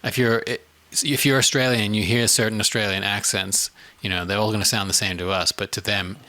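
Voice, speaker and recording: A man's voice: lowish voice, steady tone, a little fast, pushed and bright, dry recording. A South African man co-hosting a casual studio podcast, talking in a thoughtful, rambling way full of "you know"s. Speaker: podcast co-host.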